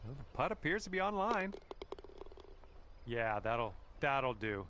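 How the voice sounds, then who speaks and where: Speaking in an unhurried, mid-range male voice, an actor voices a friendly golf commentator who calmly encourages the player through scripted lines. A slight hiss or hum sits in the recording.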